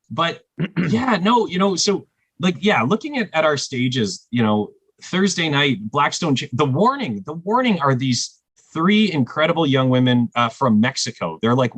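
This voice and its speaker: Man, husky voice, eager storyteller, dry close sound, casual podcast chat. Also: medium pitch, no room sound. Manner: excited storyteller, lively acted-out quotes. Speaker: music festival programmer.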